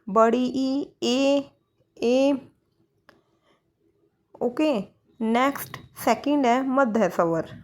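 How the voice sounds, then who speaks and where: A woman teaching a grammar lesson for exam students, posing questions and answering them herself, with English words mixed in. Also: a little high. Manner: mixes English words into Hindi.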